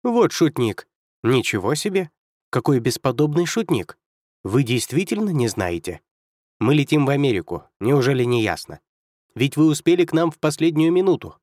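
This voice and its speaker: Man doing a cheerful young officer, higher, brisk, amused, dry close sound. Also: no echo, natural voice. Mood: cheery, amused. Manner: brisk, amused, raised lively voice. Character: cheerful stocky young male military officer. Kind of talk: audiobook character voice.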